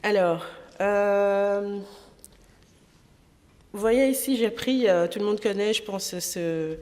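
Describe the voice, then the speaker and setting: Speaking slowly in a darkish, mid-range voice, a woman originally from Congo addresses a conference in a parliament hall, where long reverb trails her words. She heads an association and works as a trainer, and her practical talk is full of hesitations.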